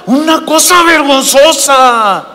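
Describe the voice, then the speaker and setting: An older Mexican pastor preaching in a raised, high-pitched voice. He is emphatic, repeats his phrases and keeps calling the congregation brothers. His words ring out with the long reverb of a large hall. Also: expressive, slow, bright, forceful tone. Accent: Mexican Spanish. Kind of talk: sermon with storytelling.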